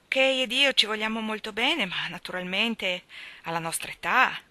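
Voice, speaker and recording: A woman reading the part of a middle-aged English gentleman in an audiobook, voicing him in a raised, emphatic way with a touch of irritation. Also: mid-range voice, normal speed, no room sound, natural voice.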